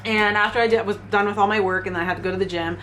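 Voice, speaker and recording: A woman's voice: medium pitch, fairly even intonation, racing, a bit bright, a little hiss or hum. A woman, candidly telling a personal story in a chatty vlog, laughing now and then. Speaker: fitness vlogger.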